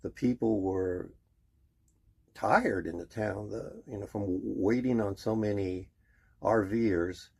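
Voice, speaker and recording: Man, gravelly fry in the voice, unhurried slow pace, casual vlog update, plainspoken, halting delivery. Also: fairly low pitch, darkish tone. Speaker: RV lifestyle vlogger.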